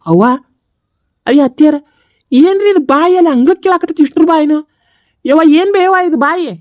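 A woman's voice: high voice, normal speed, a little mellow, dry recording, studio quality, natural voice. A woman voicing a puzzled young wife in a comedy skit, asking questions in a North Karnataka Kannada accent. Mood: bewildered. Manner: questioning, bewildered.

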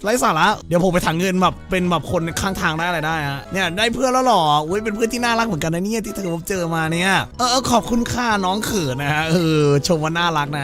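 A man's voice: high voice, a bit bright. A man streaming a game, joking crudely and putting on silly voices for the characters. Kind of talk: let's-play commentary.

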